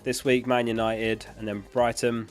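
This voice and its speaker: Flat in delivery and moderate in pace, a medium-pitched man hosts a livestream with faint music behind him. He reads viewer questions and answers them casually and matter-of-factly while his voice, strained by illness, begins to fail. A close dynamic studio mic records him.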